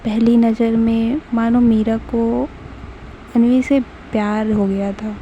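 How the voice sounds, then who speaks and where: A female storyteller narrates at an unhurried pace. Her mellow voice sits fairly high and stays flat and even. Faint background noise runs under the recording. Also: lo-fi sound.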